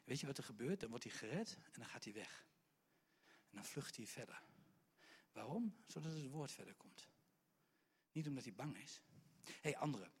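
A male preacher, telling a story in a lively sermon and swinging between hushed and loud delivery with stammering restarts. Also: mid-range voice, normal speed, pauses often, slightly rough.

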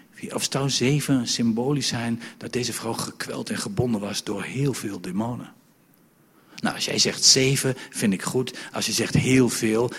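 Husky guy preaching, jokey and animated, church hall. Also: lowish voice. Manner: lively, jokes with the congregation, shifts between loud and soft. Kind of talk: sermon.

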